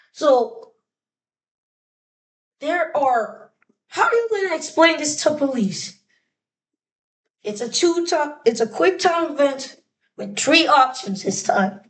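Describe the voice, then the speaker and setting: A woman with a high voice talks at an unhurried, slow pace. She rambles through casual reaction commentary like a video creator, using slang and drifting into mock-exasperated rants. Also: poor audio.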